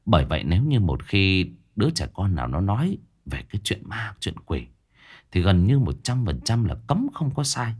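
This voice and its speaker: A man's voice: deep voice, sing-song, moderate pace, a little mellow, breathy edge. A man narrating a ghost story in a dramatic, suspenseful way.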